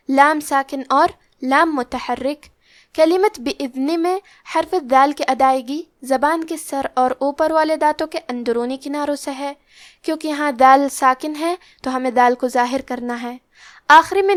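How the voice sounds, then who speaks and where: A woman teaching Quran recitation rules in a calm, methodical way, reciting verses slowly between her explanations. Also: sits high.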